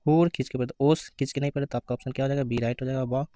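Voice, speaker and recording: A man giving an exam-prep grammar lesson, asking questions and answering them himself, reading out the answer options slowly. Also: medium pitch, fairly even intonation, warm tone, no echo, clean studio sound. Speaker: teacher.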